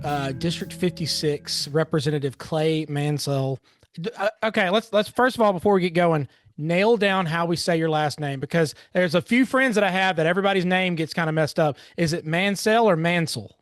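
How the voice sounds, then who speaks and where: A man's voice: on the high side, expressive, normal speed, dry recording, studio quality, faint music behind. A man hosting a community podcast and chatting casually with his guest. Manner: chatty and friendly, with restarts and uhs. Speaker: podcast host. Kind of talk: casual interview.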